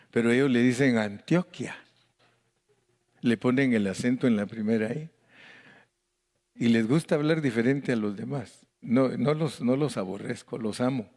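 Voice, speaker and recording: Mexican-accented male pastor, middle-aged, folksy Bible teacher who jokes and mimics voices, mid pitch. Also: darkish tone. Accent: Mexican Spanish. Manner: folksy and joking, mimics voices, calls out to the congregation. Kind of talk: Bible study sermon.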